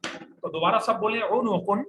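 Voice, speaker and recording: A man from Pakistan runs a classroom vocabulary drill in Arabic, saying each word so students can echo it in call-and-response style. His high voice keeps a measured pace, and the classroom is echoey with faint noise.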